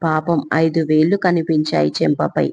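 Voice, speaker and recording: A woman's voice: sits low, moderate pace, creaky. Woman narrating an audio story, lo-fi. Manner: steady storytelling, acting out every part.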